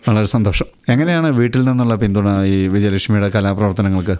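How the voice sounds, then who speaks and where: A man hosting a radio interview in a studio, asking measured, formal questions. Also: fairly low pitch, steady tone, a little mellow, clear, resonant tone. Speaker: radio host.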